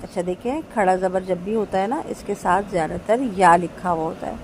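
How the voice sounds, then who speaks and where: A woman teaches Quran recitation in an unhurried, patient way, drawing out each letter and pausing to check understanding. Her voice sits at a middle pitch. A faint hum of noise runs underneath the recording. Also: low-quality recording. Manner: patient, repeats each letter slowly and checks with "theek hai?". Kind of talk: tajweed lesson, spelling out letters.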